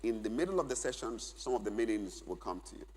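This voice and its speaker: A man's voice: lowish voice, animated, quick pace, breathy edge. A middle-aged man giving an emphatic teaching at a church men's conference, repeating key phrases so listeners can take notes. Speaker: conference speaker. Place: large church hall. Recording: long hall reverb.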